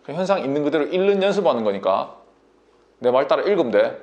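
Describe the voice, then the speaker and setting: A man running a math lesson in blunt, casual speech, forever checking whether the student follows. His voice is gravelly and a bit high, and it swings up and down with energy. His throat is sore. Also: sing-song, fast talker, darkish tone, muffled recording. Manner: bossy, coaxing banmal, constant checks like "인정?" and "됐니?". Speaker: math tutor.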